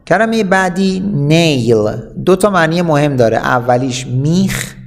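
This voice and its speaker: A man teaching an English vocabulary lesson, reading example sentences slowly and explaining them quickly. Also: fairly high pitch, animated, vocal fry.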